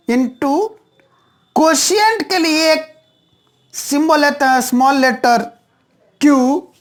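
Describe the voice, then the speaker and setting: Slow, high-voiced woman teaching maths. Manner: patient, repeats each step, asks and answers own questions. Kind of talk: classroom maths lesson.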